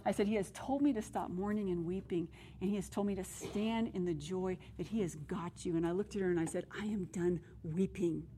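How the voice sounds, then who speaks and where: A middle-aged woman preaching a sermon at a women's gathering, earnest and emotional, dropping to hushed tones and rising when excited. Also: fairly low pitch, a little fast, few pauses, slight background noise. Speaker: women's conference speaker. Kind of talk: sermon with personal story.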